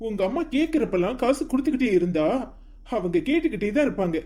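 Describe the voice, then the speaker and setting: A woman's voice: on the high side, very animated, fast, dark tone. A woman voicing a stern, jealous young husband who scolds his wife in a cartoon story.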